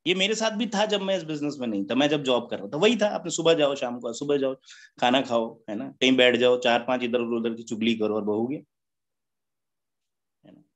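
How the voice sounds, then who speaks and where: A brisk, medium-pitched man with lively intonation delivers a motivational seminar at a business meeting. He jokes and chats, laughs at his own remarks, and keeps firing rhetorical questions ending in "है ना?"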